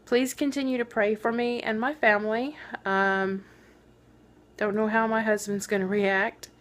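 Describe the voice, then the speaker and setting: A woman recording a personal video diary, speaking in a subdued, halting way with many pauses while holding back tears. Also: mid-range voice, fairly even intonation, fairly bright tone. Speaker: vlogger.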